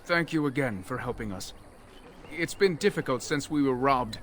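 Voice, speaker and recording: A man's voice: mid-range voice, lively intonation, normal speed, noisy background, close to an everyday voice. An actor playing a weary, grateful refugee man who was robbed, speaking earnestly in video game dialogue.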